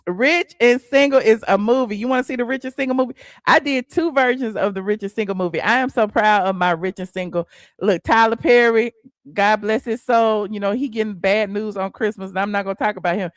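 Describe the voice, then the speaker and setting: A sassy woman with an Atlanta accent hosts a casual live stream, rambling through asides and fillers. Her voice sits at a middle pitch and sounds dry and close, with no room around it. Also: brisk, no room sound. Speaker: host.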